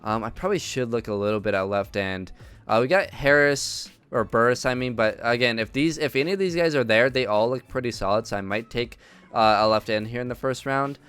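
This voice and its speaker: A man's voice: mid-range voice, fairly quick, a bit bright, clean tone. A man giving casual gameplay commentary, thinking aloud with many ums and uhs. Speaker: video game commentator.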